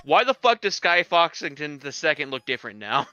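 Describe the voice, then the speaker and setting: A man's voice: a little high, sing-song, fairly quick, sharp tone, clean tone, no room sound, dull audio, soft background music. A man playing a game with friends, teasing and swearing. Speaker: player.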